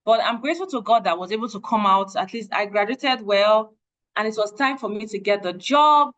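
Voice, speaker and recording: A woman's voice: mid-range voice, a little fast, fairly bright tone, muffled recording. Earnest Nigerian woman sharing her story. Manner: earnest, repeats phrases for emphasis. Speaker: guest speaker. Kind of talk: testimony talk at an online meeting.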